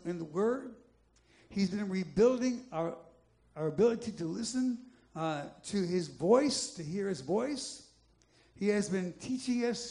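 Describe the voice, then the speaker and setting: A man pastor preaching a Bible-study sermon, halting with restarts, then building into emphatic repeated phrases. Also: sits high, a little mellow. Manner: halting, many restarts and fillers, rising into emphatic repetition.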